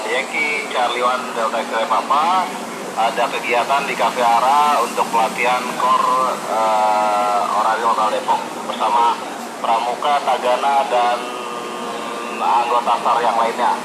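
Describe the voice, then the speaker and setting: A man's voice: mid-range voice, fairly even intonation, measured pace. Formal male radio controller, noisy echoey room. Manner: formal, procedural. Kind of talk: police-radio style two-way radio procedure, spelled call signs.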